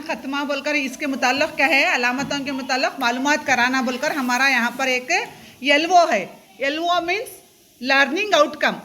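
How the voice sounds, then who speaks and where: A woman teacher leads a classroom lesson for small children, her voice high and bright. She questions the class constantly and has them chant terms back to her, slipping English words in as she goes. There is a faint hiss of noise behind her. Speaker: schoolteacher. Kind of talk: classroom lesson to young pupils.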